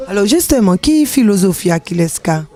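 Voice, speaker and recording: Interviewer with a dark mellow voice. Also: mid-range voice, sing-song, fairly quick. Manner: brief, prompting questions.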